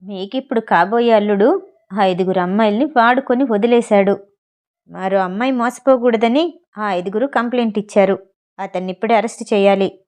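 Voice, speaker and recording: A woman's voice: mid-range voice, moderate pace, a little mellow, voice pushed down, lightly acted. A woman voicing a stern male police sub-inspector making accusations, in a storybook reading.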